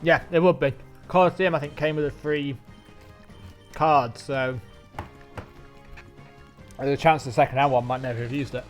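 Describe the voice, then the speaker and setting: A man's voice: mid-range voice, fairly even intonation, moderate pace, pauses often, faint music behind. Chatty English man streaming a game. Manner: rambling, chatty, talks with mouth full. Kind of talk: casual live-stream chat while gaming.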